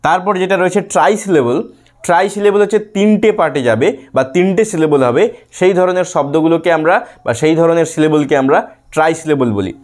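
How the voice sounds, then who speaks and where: Man, grammar teacher, somewhat high voice, patient, sounds out words slowly. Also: a little mellow. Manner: patient, repeats example words slowly, syllable by syllable. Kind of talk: lesson for students.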